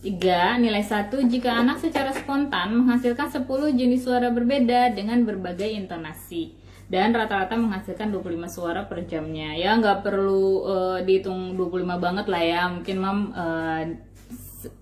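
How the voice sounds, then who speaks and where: A woman's voice: medium pitch, normal speed, darkish tone, a little hiss or hum. A woman from Indonesia hosts a parenting channel, explaining child development tests in a chatty, loose way and often acting out examples. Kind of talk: casual instructional talk.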